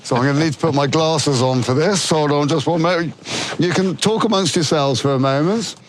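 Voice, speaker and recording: A man's voice: a little high, brisk, a little hiss or hum. A man from Yorkshire co-hosting a casual car podcast, joking and telling stories. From Yorkshire, England. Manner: jokey, storytelling, self-deprecating. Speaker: podcast co-host. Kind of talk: casual chat about cars.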